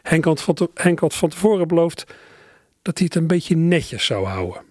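A man's voice: a little high, sing-song, moderate pace, darkish tone, dry recording, studio quality. A man presenting a radio program, introducing recorded fragments in a conversational way with little asides.

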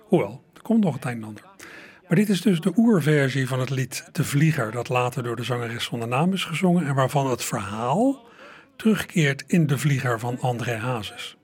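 A man's voice: mid-range voice, lively intonation, moderate pace, husky. A man presenting old recordings to radio listeners in a chatty manner, speaking to them directly.

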